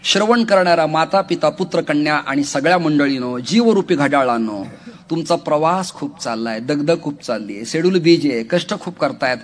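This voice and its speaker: A man preaching a humorous devotional kirtan sermon to a large gathering, animated and joking with the crowd, often raising his voice. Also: on the high side, normal speed. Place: large outdoor religious gathering.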